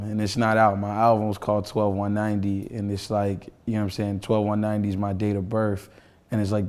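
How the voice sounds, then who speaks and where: A man's voice: on the low side, darkish tone. A man of twenty-five, a rapper, talking casually in a group interview and often saying "you know what I'm saying.". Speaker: rapper, crew member.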